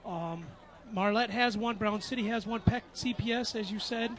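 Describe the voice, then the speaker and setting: A man's voice: sits high, normal speed, fairly bright tone. A man co-commentating a local football game, casually rattling off facts. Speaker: color commentator. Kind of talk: casual sports banter.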